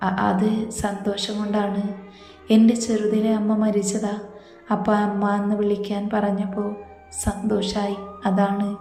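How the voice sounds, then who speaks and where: Woman reading timid young bride, soft and hesitant, mellow tone, echoey room with light music. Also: medium pitch, completely flat delivery, measured pace, close to an everyday voice. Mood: tearful. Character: shy timid young bride, gentle and fearful.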